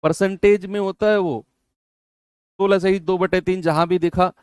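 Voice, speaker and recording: A man teaches an exam-prep maths lesson in a smooth, resonant voice pitched somewhat high. He walks through every step, says key phrases twice and chides his students with gentle firmness. The sound is dry and close. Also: steady tone, moderate pace, no room sound.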